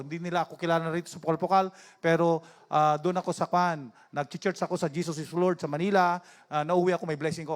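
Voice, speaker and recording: A male pastor, preaching a sermon that mixes storytelling with calls out to the congregation. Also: fairly high pitch.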